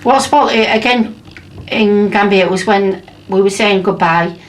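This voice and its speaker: A woman's voice: medium pitch, measured pace, slight background noise. A woman in her fifties from England, telling her story bluntly and emphatically in a documentary interview. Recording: distant mic with faint background ambience.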